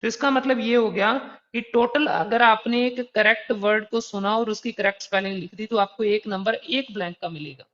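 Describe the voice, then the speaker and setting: A man's voice: extremely high pitch, pushed and bright. A man teaching an exam preparation lesson, explaining patiently and conversationally with worked examples. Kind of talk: recorded online lesson. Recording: dull, slightly lo-fi recording.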